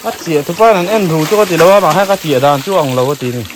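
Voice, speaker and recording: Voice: mid-range voice, animated, rapid-fire. Chatty voice over sizzling water noise. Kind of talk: casual chat while out in the field. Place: outdoors near water. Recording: noisy outdoor recording, running water.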